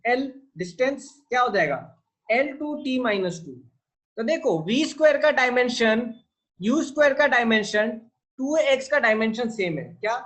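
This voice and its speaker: With a very high-pitched, expressive, fairly bright voice at normal speed, a man tutors physics on a rough recording. He speaks Indian-accented English mixed with Hindi, quizzing his class and supplying the answers himself.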